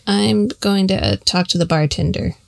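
A woman's voice: on the low side, moderate pace, gravelly, darkish tone, no room sound. Woman player, dry close sound. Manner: conversational, describing her character's actions. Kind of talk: tabletop game play.

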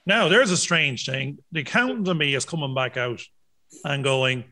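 A man's voice: mid-range voice, very animated, normal speed, sharp tone. A man interviewing in casual conversation, acting out imagined quotes as he makes his points. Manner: talks in acted-out hypothetical quotes. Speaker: interviewer, former accountant.

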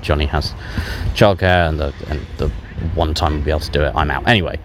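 A man with a very deep voice speaks into a handheld voice recorder while out in a park, with faint outdoor sound around him. He sounds low and numb, and his talk is halting, broken by pauses and fillers but frank. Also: fairly even intonation, background noise. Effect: self-recorded on a handheld voice recorder. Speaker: podcast host. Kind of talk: candid personal voice memo.

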